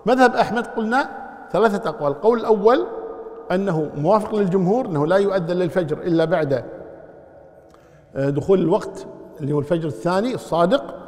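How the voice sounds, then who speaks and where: Fast-talking man teaching in a reverberant hall. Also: high-pitched, darkish tone. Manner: explains step by step, asks the class questions. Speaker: teacher of Islamic law. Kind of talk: lecture explaining a text.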